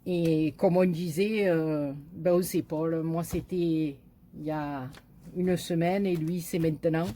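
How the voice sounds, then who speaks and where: This YouTube crafter, a middle-aged woman with a southern French accent, talks to the camera in a low, warm voice that is a little slow with fairly even intonation. Her casual chat with viewers rambles, full of fillers and frequent laughter.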